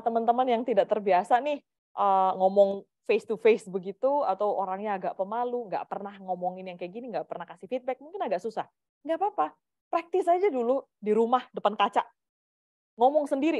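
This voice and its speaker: A woman with an Indonesian accent, giving casual, lively workplace advice as a career coach and mixing in English phrases. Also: medium pitch, no room sound, lo-fi sound.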